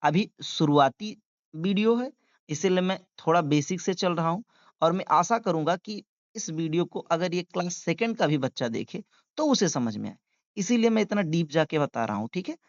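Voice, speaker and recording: A man's voice: fairly high pitch, lively intonation, normal speed, dry recording, dull audio. A man teaching beginners to read, spelling each word letter by letter and translating it with patient, repetitive drilling. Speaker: English reading teacher. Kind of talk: beginner reading lesson.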